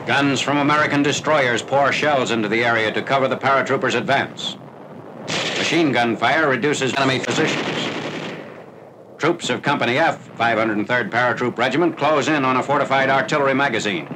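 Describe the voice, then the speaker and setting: A man reading a scripted wartime newsreel narration in a formal, measured announcing manner, heard on an old 1940s newsreel soundtrack. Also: mid-range voice. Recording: noisy, hissy 1940s newsreel film soundtrack.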